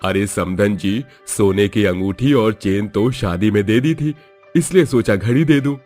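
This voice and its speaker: A man voicing a caring middle-aged father of the bride who speaks gently. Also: fairly low pitch, measured pace, faint music behind, natural voice. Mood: gentle.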